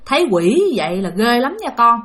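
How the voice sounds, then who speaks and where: A woman's voice: on the high side, very animated, normal speed, a bit bright, faint music behind. A woman voicing a mother who chides her son. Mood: chiding. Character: chiding middle-aged mother.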